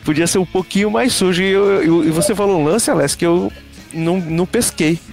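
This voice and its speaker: A man co-hosting a casual music review, animated and slangy in his speech. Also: high-pitched, fairly quick, vocal fry. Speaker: co-host.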